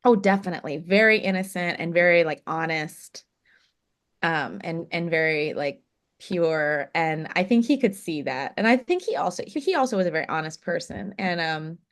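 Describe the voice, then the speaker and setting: In a chatty podcast interview, an Oklahoma-born jazz singer in her 30s shares warm stories full of fillers and easy laughter. Her voice is lowish and animated, moving at a moderate pace.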